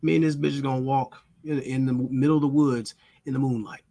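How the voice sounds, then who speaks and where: A man in a middle pitch tells a rambling story straight to camera. He swears freely and speaks bluntly, slowing down and pausing for effect. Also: fairly even intonation, mellow. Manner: blunt, profane, dramatic pauses. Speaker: vlogger. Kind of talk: casual storytelling monologue.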